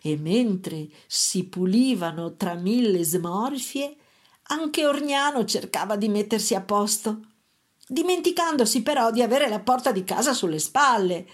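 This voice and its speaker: A woman narrating a fairy tale at a very slow, unhurried pace. Her telling is gentle and expressive, drawing out each phrase. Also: medium pitch. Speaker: storyteller. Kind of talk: storybook narration.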